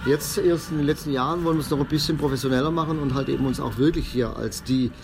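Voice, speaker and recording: A man's voice: medium pitch, quick pace, vocal fry, noisy background. A man leading a street football project, speaking casually with tag questions. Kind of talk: casual interview.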